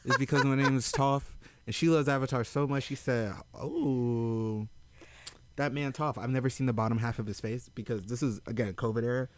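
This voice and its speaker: A man's voice: medium pitch, steady tone, fast, hardly any pauses, slight background noise. A man hosting a podcast in a studio, chatting casually and teasing his guest with frequent laughs. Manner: teasing, laughs often, playful banter. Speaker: podcast host. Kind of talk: casual chat.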